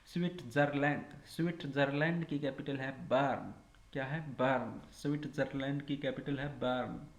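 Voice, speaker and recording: A man's voice: a little high, creaky. Man drilling a repetitive lesson, echoey room. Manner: repeats each item as question and answer. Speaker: teacher.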